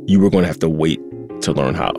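A man's voice: a bass voice, fast, music in the background. A man hosting a news podcast, reacting casually in conversation. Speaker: podcast host.

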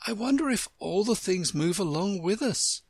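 A man's voice: sits high, lively intonation, moderate pace, breathy edge, no room sound, voice pushed up, exaggerated voice. A man voicing a polite, puzzled young girl in a storybook, earnest and a little hesitant as she mildly protests.

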